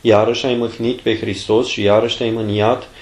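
A man voicing an older abbot, stern yet fatherly, who speaks in measured, admonishing words in a storybook reading. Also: on the low side, flat delivery, roomy sound, lightly acted.

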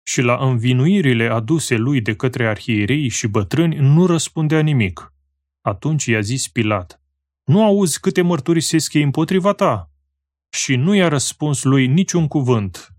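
A man reading scripture aloud in a solemn, slow and measured way, pausing phrase by phrase. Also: mid-range voice, no echo, clean studio sound. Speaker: scripture reader.

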